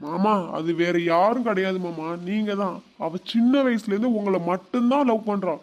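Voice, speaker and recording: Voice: mid-range voice, moderate pace, darkish tone, lightly acted. A voice actor playing an eager, loyal young village girl in a cartoon, confiding earnestly. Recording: dull lo-fi sound.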